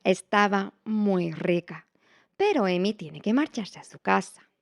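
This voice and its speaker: A woman reading a children's picture book aloud in a slow, expressive, playful way. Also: medium pitch, creaky. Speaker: storyteller.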